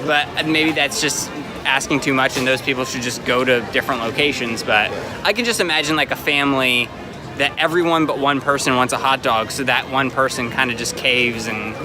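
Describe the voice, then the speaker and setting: A man's voice: medium pitch, brisk. A man co-hosting a casual, conversational food review, often restarting his sentences as he gives his opinion. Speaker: co-host of a food review show. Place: outdoors in a busy theme park. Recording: busy outdoor crowd, music behind.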